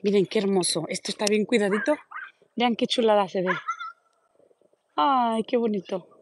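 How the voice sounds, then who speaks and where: A woman chatting casually into her phone while she walks outdoors, and she coos in a high voice at the dogs she passes. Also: moderate pace, background noise. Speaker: vlogger. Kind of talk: casual walking vlog. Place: outdoors on a neighborhood street. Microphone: phone held while walking.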